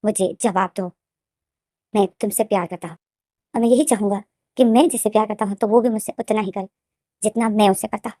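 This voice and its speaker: A woman voicing a possessive, menacing young male student who talks in a soft, smug, threatening way, in a plainly read story. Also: medium pitch, fairly even intonation, fairly quick, pauses often, no echo, clean studio sound, lightly acted. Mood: insistent.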